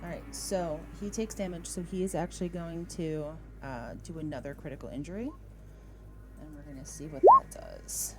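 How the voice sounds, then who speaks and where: Her voice fairly low with big pitch swings at normal speed, a woman running a tabletop roleplaying game as game master talks through the rules casually and thinks aloud as she checks rules and rolls. Background music plays under her voice.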